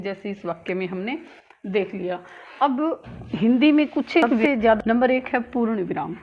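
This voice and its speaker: A woman teacher giving a grammar lesson, speaking slowly and repeating key words with frequent filler sounds. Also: a little high. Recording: dull lo-fi sound with faint noise.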